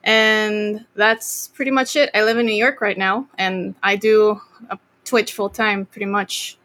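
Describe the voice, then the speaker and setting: A woman's voice: mid-range voice, measured pace. Young costa rican woman chatting as a guest, lots of ums and restarts, laid back. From Costa Rica. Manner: relaxed, rambling with many fillers and restarts. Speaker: guest drummer. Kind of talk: casual interview chat.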